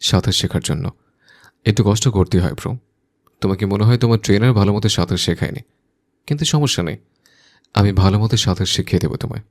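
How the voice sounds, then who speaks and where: A man's voice: on the low side, fast talker, long pauses. A man voicing a hot-tempered, possessive young man in an audio drama. He speaks through gritted teeth and gives orders. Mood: mock friendly.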